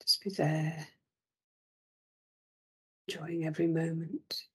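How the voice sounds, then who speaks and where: Woman, meditation guide: very slow, husky and breathy, soft whispered delivery, slightly low. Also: completely flat delivery. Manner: slow, soothing, drifting into whispers.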